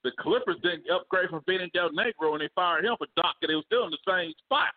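Co-host, male, high pitch, animated sports banter over a phone-quality line. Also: fast. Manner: animated, laughing, riffing. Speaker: podcast co-host. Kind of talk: casual sports debate. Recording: phone-like narrow band.

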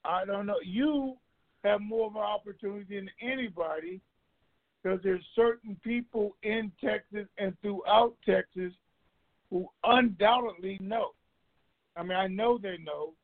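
A man talks in a casual, rambling way over a conference phone line. His voice sits high and comes through thin and tinny. The sound is dry, with no room around it. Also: no echo. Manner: rambling and offhand. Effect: heard over a conference phone line. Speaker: regular guest on a call-in show. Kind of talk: casual phone call talk.

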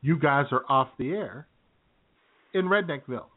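This middle-aged radio comedy co-host has a mid-range voice and a moderate pace. He's a chatty storyteller, rambling through anecdotes with chuckles amid casual banter, and the audio has a tinny, phone-line quality.

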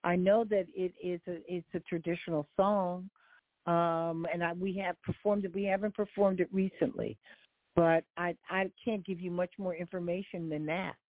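A woman's voice: fairly low pitch, fairly even intonation, moderate pace, no echo. An older woman from Philadelphia, a guest singer, talking in a friendly, chatty way with many fillers during a call-in radio interview. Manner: friendly, talkative, lists details with many fillers. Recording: dry, tinny phone line.

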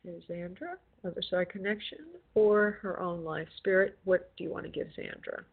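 A woman working as a psychic medium on a call-in show, giving spoken spirit readings in a gentle, consoling way with affectionate endearments. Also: fairly low pitch, steady tone, normal speed, vocal fry, slightly rough. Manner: gentle, consoling, using endearments like love and honey. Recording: tinny phone-like call-in audio.

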